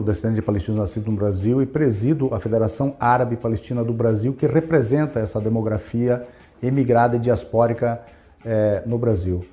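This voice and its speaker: A man's voice: mid-range voice, dark tone. A man who leads a community organization, giving a formal, earnest statement with some hesitations. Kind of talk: statement to a radio program.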